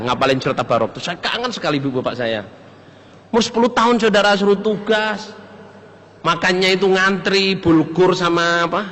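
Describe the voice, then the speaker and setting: An older man with a Javanese accent preaching a lively, joking sermon to a congregation. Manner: lively, jokes and leaps between high and low pitch. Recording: long hall reverb.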